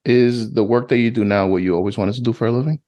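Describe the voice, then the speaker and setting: A man's voice: medium pitch, steady tone, fast talker, warm tone. A man hosting an interview podcast, asking questions casually with "like" and "kind of.". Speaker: podcast host. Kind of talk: conversational interview.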